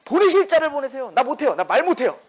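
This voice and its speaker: A man's voice: very high voice, very animated, fast talker, voice pushed up. A man voicing Moses as a reluctant, stubborn old man who keeps refusing with whiny protests. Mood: pleading.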